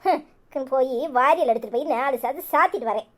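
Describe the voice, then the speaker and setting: A woman with a Kanyakumari Tamil accent voicing a soft-spoken, apologetic young woman in a cartoon. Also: high voice, animated, brisk.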